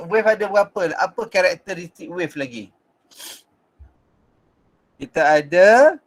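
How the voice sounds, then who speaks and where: A Malaysian man teaching an online physics revision class, mixing in English, with frequent fillers and restarts. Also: high-pitched.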